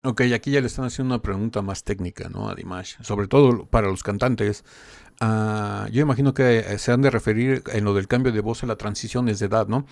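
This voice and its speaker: A man's voice: on the low side, a little fast, vocal fry, dry recording. A man hosting a reaction channel, casually relaying and explaining what is said in a stream, often tagging lines with "¿no?". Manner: relays quotes with frequent "dice" and "¿no?". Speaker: reaction channel host translating a live stream. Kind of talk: casual commentary and translation.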